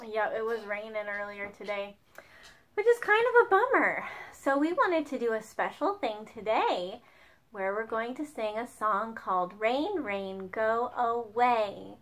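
A young woman leading a children's song lesson at home with a slow, sing-song, cheerful teacher voice. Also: on the high side, expressive, fairly bright tone. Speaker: children's music leader. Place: home dining room.

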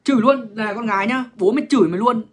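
A man's voice: extremely high pitch, quick pace, a bit bright, breathy edge. A man, ranting bluntly and crudely to viewers on a livestream. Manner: crude, profane, blunt, lecturing.

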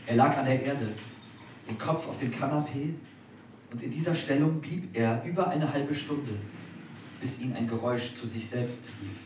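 A man giving a measured, expressive dramatic literary reading aloud at a live dinner event in a restaurant. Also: medium pitch. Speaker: reader. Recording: echoey room from a distance, faint noise.

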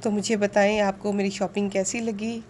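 A woman narrating a casual shopping vlog, speaking politely and earnestly, pausing with fillers now and then. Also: medium pitch, level tone, very noisy. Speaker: vlogger.

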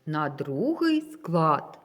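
A woman teacher giving a literacy lesson to young children, pronouncing each sound slowly and clearly. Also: low-pitched, very animated. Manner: slow, clear, carefully enunciated sounds for children.

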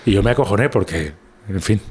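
Spanish male guest, husky and low, rambling storyteller in casual chat. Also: lively intonation, brisk. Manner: rambling anecdotes with many restarts. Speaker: guest comedian. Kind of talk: casual conversation.

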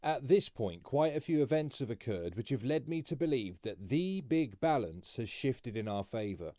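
A man reads scripted commentary in a measured, explanatory way. His voice is mellow and dark. The recording is dry and close, with no room around it. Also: mid-range voice, sing-song, no room sound. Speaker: commentary channel host.

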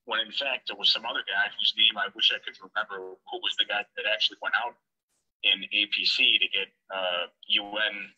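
A man on a phone call played through a speaker, so his voice comes across dull and lo-fi. His tone is very bright and raspy, set somewhat low. He talks casually in halting bursts full of fillers, with an indignant edge. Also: little pitch movement. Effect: heard through a phone on speaker. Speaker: guest calling in. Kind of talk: casual recounting on a live stream.

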